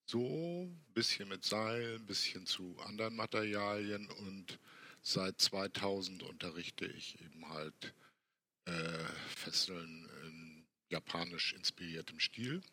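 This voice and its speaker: An older man talking casually as an interview guest, explaining things in a halting, conversational way. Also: low voice, bright, forceful tone, breathy edge, no room sound. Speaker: podcast guest, workshop teacher.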